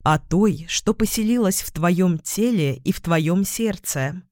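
A loyal young friend, calm and earnest, voiced by a woman narrator. Measured and unhurried, close and dry. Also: fairly low pitch, no room sound, close to an everyday voice.

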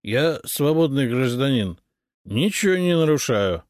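A man's voice: mid-range voice, big pitch swings, measured pace, darkish tone, dry recording, clean studio sound, pitched above the performer's own voice. A man voicing a surly, grumbling, grey-haired old drunk tramp in a storybook reading. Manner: grumbling and sullen.

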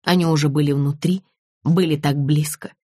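A woman narrating a thriller audiobook in an even, measured storytelling voice. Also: deep voice, no room sound, clean studio sound.

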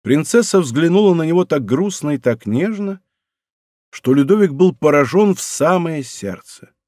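A man narrating a historical novel as an audiobook, with expressive storytelling. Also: a little high, moderate pace, no echo. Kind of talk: scripted narration. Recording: dry studio recording.

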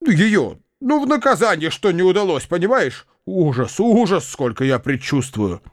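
A man's voice: high-pitched, sing-song, moderate pace, dry recording, studio quality, pitched above the performer's own voice. A man reading aloud and voicing an anxious, kind-hearted middle-aged uncle who frets in agitation. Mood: agitated, fretful. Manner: agitated, fretful.

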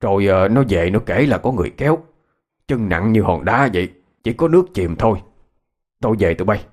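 A man's voice: on the low side, animated, fairly quick, darkish tone. A man voicing an older village neighbor who soothes a scared child in a folksy, reassuring way. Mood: soothing. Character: older male village neighbor, calm and fatherly.

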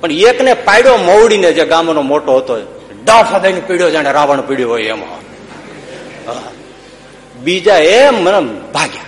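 A man telling a folk tale in a vivid storyteller's manner, his voice rising in loud bursts at the tense moments. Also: fairly high pitch, sing-song, normal speed. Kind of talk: dramatic folk storytelling discourse. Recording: echoey hall with faint hum.

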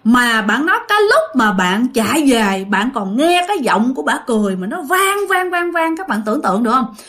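Southern Vietnamese woman, ghost story narrator, lively and higher voiced, chatty. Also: brisk. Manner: animated, chatty, addresses listeners directly. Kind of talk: casual storytelling.

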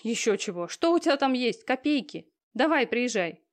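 A woman's voice: on the high side, sing-song, normal speed, pitched above the performer's own voice. A woman reading an audiobook, voicing a busy middle-aged mother who is curt and businesslike on the phone. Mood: pushy.

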